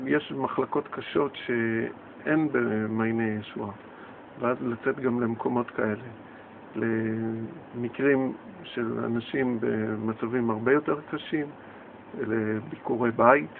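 A man's voice: mid-range voice, fairly even intonation, creaky, slight background noise. Stammering man on a tinny phone line. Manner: hesitant, stammering. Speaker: volunteer medical clown, guest. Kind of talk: radio interview.

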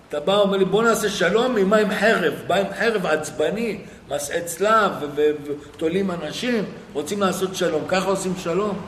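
A man preaching a sermon and retelling stories in animated fashion, acting out the dialogue. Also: high voice. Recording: echoey hall with faint noise.

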